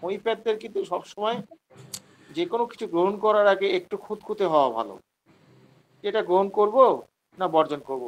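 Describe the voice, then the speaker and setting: High-voiced Bengali man teaching. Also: brisk, pauses often, a little hiss or hum, poor audio. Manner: explains patiently, poses questions then answers them; acts out quoted patients in a raised voice. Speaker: homeopathy teacher. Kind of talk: online lecture.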